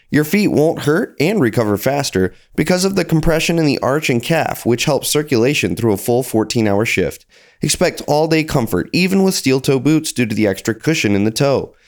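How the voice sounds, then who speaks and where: Guy doing an upbeat ad read, plain mid voice. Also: mid-range voice. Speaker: ad reader. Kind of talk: scripted ad read.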